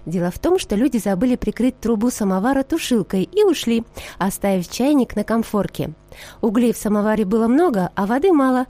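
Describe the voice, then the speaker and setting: A woman reading a fairy tale aloud as a storyteller, calm and expressive. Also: mid-range voice, no echo.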